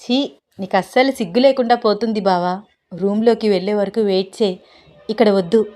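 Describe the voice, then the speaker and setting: A woman's voice: mid-range voice, fairly quick, mellow, lightly acted. Sita, a woman voicing a shy, teasing young bride. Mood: coy. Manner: coy, playful pleading.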